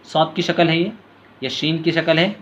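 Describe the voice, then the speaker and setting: A man teaching letter reading step by step. He calls out each letter name in a long, drawn-out tone, then explains quietly in a lower voice. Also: fairly even intonation, dull audio, a little hiss or hum. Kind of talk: patient step-by-step reading lesson.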